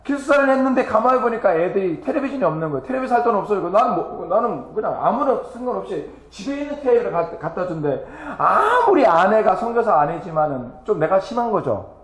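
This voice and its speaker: A man's voice: high voice, fast, few pauses. Emotional missionary man in echoey church. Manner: animated, laughing and tearful, exclaiming. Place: church sanctuary.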